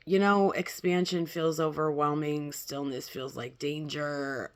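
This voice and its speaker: A woman speaks casually as a self-help influencer, blunt and emphatic, pausing haltingly to check in with her listeners. Her voice is low-pitched and steady.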